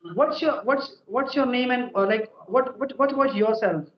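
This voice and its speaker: Recorded in an echoey room with lo-fi sound, this young man speaks at normal speed in a very high voice with an Indian accent; Hindi is his native language. As a guest English learner offering tips, he walks through ideas step by step in casual talk, often ending sentences with "okay" or "right."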